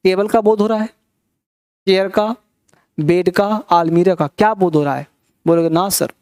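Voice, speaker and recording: A middle-aged man teaching English grammar in a classroom, who keeps asking quick questions and mixes in English terms. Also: high-pitched, darkish tone. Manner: coaxing, asks many quick questions. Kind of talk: classroom lecture.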